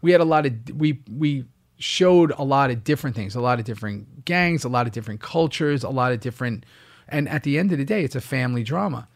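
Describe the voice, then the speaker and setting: A man's voice: medium pitch, fast talker. An actor from the US East Coast, a man, telling anecdotes as a guest in a casual interview, acting out the lines of people in his stories. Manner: lively anecdotes, acts out quoted dialogue.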